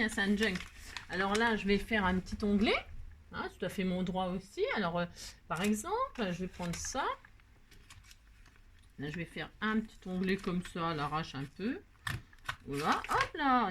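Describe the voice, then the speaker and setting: There's slight background noise as a middle-aged woman talks through a crafting project in a mid-range, somewhat bright voice. Her manner is chatty and full of fillers, addressed partly to her viewers and partly to herself.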